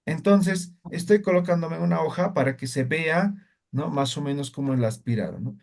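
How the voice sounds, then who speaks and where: A man's voice: on the high side, normal speed, vocal fry, darkish tone. Patient man teaching with constant check-ins. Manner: explains patiently, repeats words and asks "¿no?" and "¿ya?" after most phrases. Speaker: language teacher. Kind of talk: spoken language lesson.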